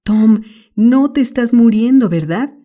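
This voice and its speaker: Brief: fretful young boy, high and pressing, mellow tone, read by a woman. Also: animated, takes it slowly. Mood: anxious. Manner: urgent, pleading.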